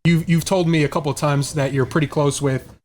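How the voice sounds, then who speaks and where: Wry young male producer, a bit high. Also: steady tone, brisk, darkish tone, slight background noise. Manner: affirming, wry storytelling. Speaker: producer and co-host. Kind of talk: casual chat.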